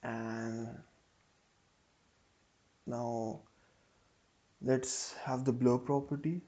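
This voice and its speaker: A man's voice: medium pitch, warm tone, muffled recording. A man hosting a coding tutorial, thinking aloud as he types out code step by step. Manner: slow, thinking aloud while typing code.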